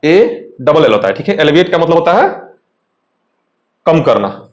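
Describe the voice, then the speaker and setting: Brief: young Indian male teacher, chatty exam lesson, fairly high voice, echoey room. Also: sing-song, moderate pace. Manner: chatty, asks students questions, Hindi mixed with English. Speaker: English teacher. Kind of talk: exam lesson explaining vocabulary.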